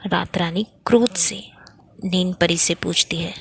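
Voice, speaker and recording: A woman's voice: lowish voice, steady tone, unhurried, vocal fry, fairly bright tone, slight background noise. A woman teacher reading a textbook play aloud to children, stopping to explain word meanings and call out page numbers.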